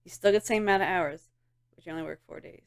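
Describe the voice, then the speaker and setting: A woman's voice: fairly low pitch, rapid-fire, gravelly, clean tone. A woman co-hosting a podcast in casual chat, giggly and rambling, filling her talk with "like" and trailing off. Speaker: podcast co-host.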